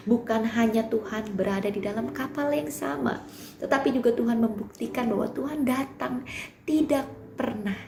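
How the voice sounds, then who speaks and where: A woman preaching a sermon at a youth service, emphatic, swinging from loud declarations down to soft near-whispers. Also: a little high, noisy background. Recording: roomy sound with clear music behind.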